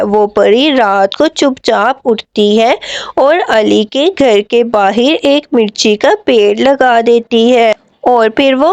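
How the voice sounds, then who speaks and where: A woman narrating a cartoon moral story in a plain, steady storytelling manner. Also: fairly high pitch, no room sound.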